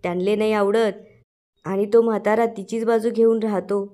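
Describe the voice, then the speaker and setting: A scheming, hard-drinking middle-aged man who grumbles as he plots, as a woman reads his lines. He talks in a low, grumbling, plotting way. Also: fairly even intonation, normal speed, dark tone, close to an everyday voice.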